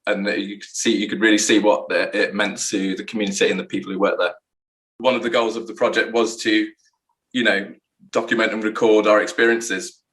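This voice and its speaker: A man, a photographer, reflecting in an interview and pausing to search for words. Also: on the low side, flat delivery, fairly bright tone, low-quality recording.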